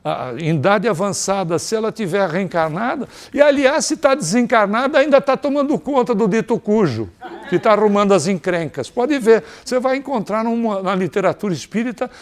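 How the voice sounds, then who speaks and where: A man's voice: high-pitched, animated, brisk. A man giving a spiritist lecture in a conversational way, asking rhetorical questions and often adding tag questions.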